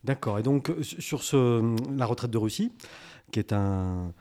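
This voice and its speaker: Intervieweur à la voix vive et mélodieuse. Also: male voice, mid-range voice, expressive, moderate pace, mellow. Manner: chatty, laughs easily, many short backchannels. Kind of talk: casual interview conversation.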